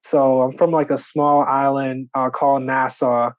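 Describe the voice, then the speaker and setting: A man's voice: medium pitch, measured pace, dry recording. Young Bahamian man, dry close voice. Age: 20s. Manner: relaxed storyteller, frequent "you know" and "like". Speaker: podcast guest, real estate investor. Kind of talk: conversational interview.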